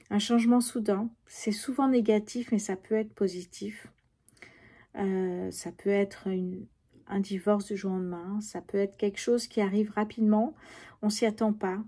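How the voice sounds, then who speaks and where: During a tarot reading, this middle-aged woman keeps up a chatty stream of talk aimed straight at her viewers, loaded with fillers and side remarks. She speaks with a medium-pitched, mellow voice that has a breathy edge.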